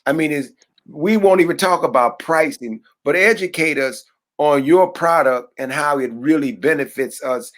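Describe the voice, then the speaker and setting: A man's voice: a little high, moderate pace, fairly bright tone. A man hosting a podcast interview, chatting casually and asking eager questions. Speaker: podcast host.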